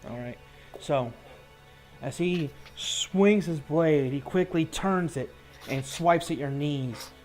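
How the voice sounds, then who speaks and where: A man acts as game master for a tabletop roleplaying game, describing the action in a casual, descriptive way. His voice is on the high side with a darkish tone, and he speaks slowly. Faint music plays behind him.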